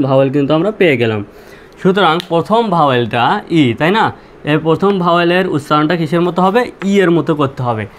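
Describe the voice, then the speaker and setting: A male teacher explains pronunciation rules step by step. He repeats himself and asks questions, then answers them himself. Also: on the high side. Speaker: English teacher. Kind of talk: spoken language lesson.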